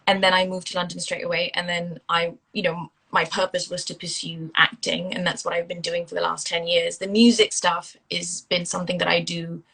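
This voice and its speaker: A woman's voice: fairly low pitch, flat delivery, fairly quick, creaky, few pauses, bright, forceful tone, low-quality recording. A woman in her thirties, raised in Singapore, chatting as a guest in a casual interview with many fillers and restarts. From India, raised in Singapore. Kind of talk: casual interview over a phone call.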